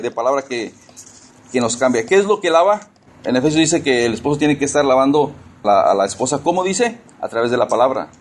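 Earnest Spanish-speaking preacher man. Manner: earnest preaching, mimics churchgoers in high excited bursts; repeats words and phrases for emphasis. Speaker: pastor. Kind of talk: sermon.

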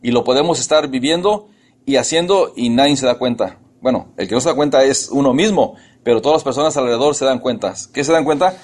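A man preaching an earnest sermon to his congregation, calling them brothers and mixing pleading prayers with animated asides. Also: mid-range voice, fast.

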